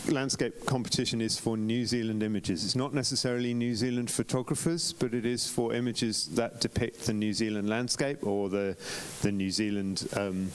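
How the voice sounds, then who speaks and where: This is a live-streamed club critique where a man casually reviews competition photographs, repeatedly restarting sentences and filling gaps with ums. His medium-pitched voice is steady at normal speed with hardly any pauses, and a little hiss or hum runs underneath.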